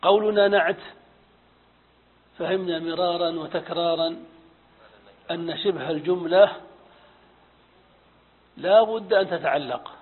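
A man's voice: a little high, a little slow, long pauses. A man teaching Arabic grammar in a methodical lecture, asking and answering his own questions and repeating key terms. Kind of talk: classroom lecture on morphology and syntax. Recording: phone-like audio with long hall reverb.

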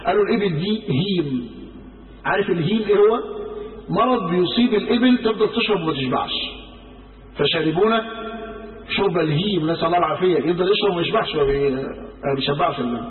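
A man with an Egyptian Arabic accent preaching a sermon, telling stories in a lively way and acting out the quoted speech. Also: high voice, fast. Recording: roomy hall from far off, phone-like sound.

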